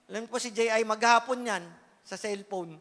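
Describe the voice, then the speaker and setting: A man gives an emotional church testimony in a very high, bright and forceful voice. He is earnest, shifting between loud pleading and quiet asides. The sound carries a long reverb, as in a church hall. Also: normal speed. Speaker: church speaker giving testimony.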